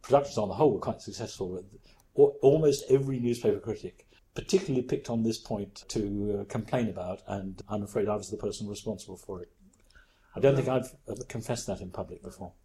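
A man's voice: on the low side, fast, warm tone, poor audio. A man and former classical advisor telling an anecdote in a self-deprecating, confiding way. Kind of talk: anecdotal discussion. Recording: faint background noise.

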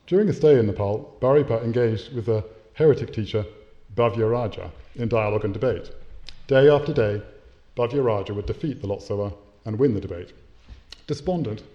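Male academic lecturer, lowish mellow voice, measured delivery with small hesitations, dull lo-fi recording. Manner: measured, with occasional hesitations and self-corrections. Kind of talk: academic lecture with read-aloud story.

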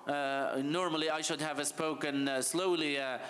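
A man from Libya gives a conference talk with slides, speaking passionately and urgently, halting often with fillers. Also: on the high side, fairly even intonation, a bit bright. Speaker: heritage official presenting.

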